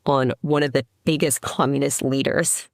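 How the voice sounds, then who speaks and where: A middle-aged woman from the Seattle area in the United States, a company CEO appearing as a podcast guest, tells her story in casual interview talk. Her voice is extremely low with fairly even intonation at a normal speed, recorded in studio quality with no room sound. She sounds reflective, restarting often and using fillers.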